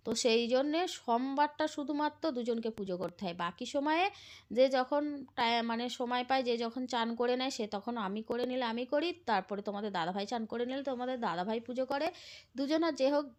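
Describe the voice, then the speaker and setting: A woman chatting to her viewers in a casual family vlog, a little hoarse from a cold. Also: fairly high pitch, fast. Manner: chatty, addresses viewers as friends. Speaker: family vlogger.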